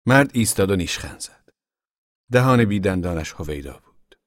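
Low-voiced man narrating a novel. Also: expressive, no room sound, clean studio sound. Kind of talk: audiobook narration.

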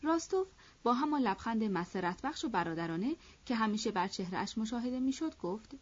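A woman narrating a classic novel as an audiobook in a steady, measured reading. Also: fairly high pitch, muffled recording.

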